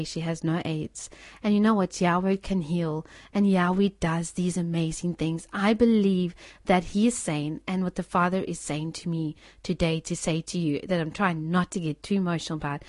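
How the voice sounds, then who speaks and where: A woman with a fairly low voice preaches informally and earnestly, retelling a testimony in a plain, conversational way. She restarts her sentences often, and the sound is dry and close. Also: dry recording. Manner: earnest, with repeated restarts and soft laughs. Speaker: speaker sharing testimony. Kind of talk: informal sermon.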